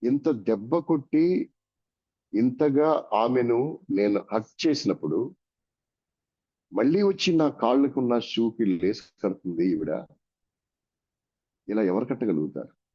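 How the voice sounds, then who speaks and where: A man's voice: medium pitch, animated, unhurried, long pauses, slightly rough. A man from India with a Telugu accent preaching a sermon, telling a story and acting out its dialogue. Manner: dramatic, acts out the dialogue of the story. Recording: dull lo-fi recording.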